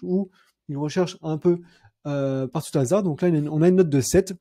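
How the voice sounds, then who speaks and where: A young man demoing software in a screen-recorded tutorial, chatty and thinking aloud with fillers and self-corrections. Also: fairly high pitch, dry recording, studio quality. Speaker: CRM consultant demoing software.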